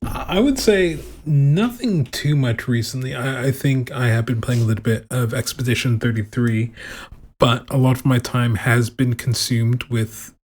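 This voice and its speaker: Man, podcast co-host, gentle and earnest, slightly husky voice. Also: mid-range voice, unhurried. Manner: mild, polite, earnest. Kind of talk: casual chat.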